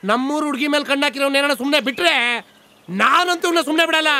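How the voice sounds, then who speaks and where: A raging village uncle hurls threats and insults at a fast clip. His voice sits very high and sounds bright and cutting. Film music plays faintly underneath. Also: exaggerated voice. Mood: threatening. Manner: shouting threats, abusive. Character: hot-tempered loud village uncle, middle-aged man. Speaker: girl's maternal uncle.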